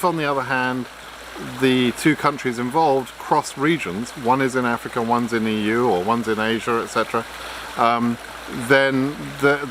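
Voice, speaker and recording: A man with a medium-pitched voice gives blunt, frank advice as an immigration advice vlogger in an unscripted explainer. He lectures with frequent ums and restarts over background noise.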